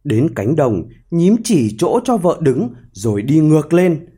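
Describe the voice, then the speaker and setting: A man narrating a fable in an expressive, animated storytelling style. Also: a little high, measured pace, slightly rough.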